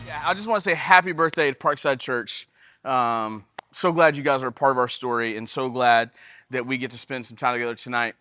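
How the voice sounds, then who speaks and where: A man's voice: medium pitch, a little fast, pushed and bright. A man in his thirties preaching a casual, chatty sermon as pastor, with many fillers and restarts. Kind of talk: conversational sermon.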